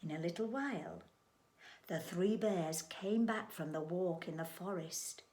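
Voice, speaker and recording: A woman reading a children's story aloud in an expressive, playful way. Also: on the low side, a little slow. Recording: echoey room.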